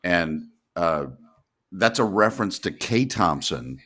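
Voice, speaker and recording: A man's voice: low-pitched, lively intonation, slow, fairly bright tone. A man giving casual movie commentary, sharing detailed film trivia with friends.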